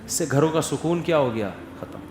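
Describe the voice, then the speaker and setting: Animated man preaching in an echoey hall. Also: fairly high pitch, a little hiss or hum. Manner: animated, rises to emphatic questions, drops to soft quotes. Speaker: Islamic scholar giving a talk. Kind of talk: sermon. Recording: echoey hall with faint ambience.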